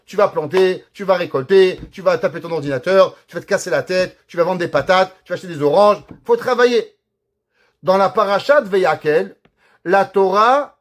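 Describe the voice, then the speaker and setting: A man, a rabbi, giving a recorded Torah lesson, explaining Hebrew words and verses step by step and asking rhetorical questions. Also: high-pitched. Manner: explains Hebrew terms and verses slowly, teacher-like; lively, rhetorical questions to the audience. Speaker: rabbi teaching a class.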